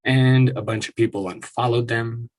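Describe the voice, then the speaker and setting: A man hosts his own show with a husky, slightly breathy voice at an ordinary pitch. He rants casually, swearing often, restarting his sentences as he gets worked up. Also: steady tone, normal speed. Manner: profane, exasperated ranting with frequent restarts. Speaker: podcast host. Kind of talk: casual solo rant.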